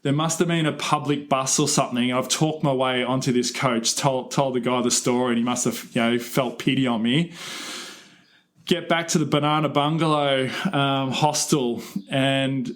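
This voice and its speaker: A man's voice: medium pitch, steady tone, moderate pace. An Australian man, a podcast co-host, telling a travel story in casual chat, swearing freely.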